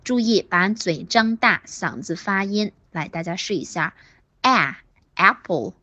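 A woman teaching pronunciation in an online class, stretching vowels slowly and repeating words, with encouraging praise. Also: medium pitch, a bit bright, dry recording, highs cut off.

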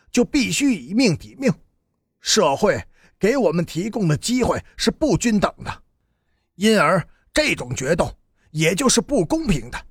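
A man's voice: high-pitched, slightly rough, dry recording, studio quality, heavily acted. A man voicing a bitter, cynical young brawler who sneers defiantly.

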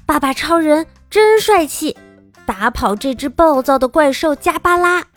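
A woman telling a children's storybook aloud, with a lively, animated, childlike narration. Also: high voice, a little slow, faint music behind. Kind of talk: expressive storybook reading for children.

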